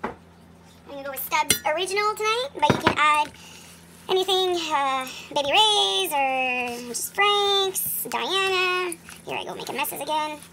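Her voice is high-pitched and lively, unhurried over a noisy background, as a woman in her thirties casually walks through a home cooking demo. Recorded on a phone camera in her kitchen, she rambles and corrects herself amid the clear clatter of dishes and pans.

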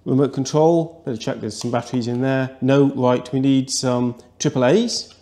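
A man's voice: mid-range voice, moderate pace, warm tone. A man, chatting politely and thinking aloud as he works on equipment at home. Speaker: video channel host. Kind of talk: casual hands-on vlog chat. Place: indoor home rooms.

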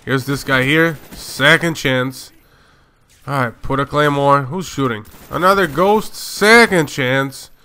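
A young man commentating his own shooter gameplay, excitable and slangy, swearing and trash-talking. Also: mid-range voice, slow, smooth. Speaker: gaming YouTuber.

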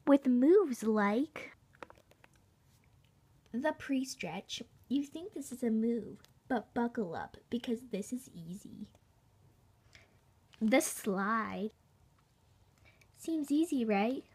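A woman playing an earnest fitness host in a parody infomercial, giving a salesy pitch with rhetorical questions and deliberate emphasis. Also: expressive, darkish tone, slightly rough, heavily acted. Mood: salesy, upbeat. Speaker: infomercial presenter.

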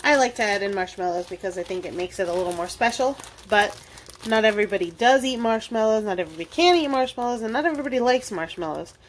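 Fast and animated, a medium-pitched woman walks viewers through a casual cooking tutorial, explaining as she works with her hands at a kitchen counter. She hosts a library cooking show, and the audio carries a slight hiss or hum.

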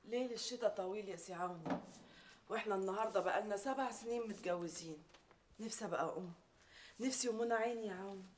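A woman's voice: mid-range voice, fast, a little hiss or hum, close to an everyday voice. A woman with an Egyptian accent playing a frustrated, complaining wife who longs for a child in a TV drama. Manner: complaining, reproachful. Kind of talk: TV series acting.

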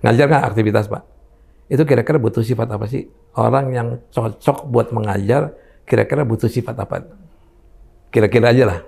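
An older man talks quickly in a gravelly voice, explaining talent mapping through everyday examples. His speech is rapid, with a rough fry running through it. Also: mid-range voice, darkish tone. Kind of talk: casual talk show conversation.

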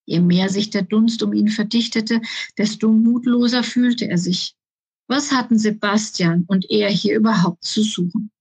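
A woman author reading her children's book aloud in a calm, even storytelling voice. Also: mid-range voice, measured pace, slightly rough, dry recording.

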